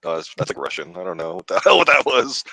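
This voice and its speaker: A man's voice: medium pitch, sing-song, quick pace, vocal fry, sharp tone, no echo, poor audio. A man co-hosting a casual chat on a video call, blunt and joking, swearing freely. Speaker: co-host.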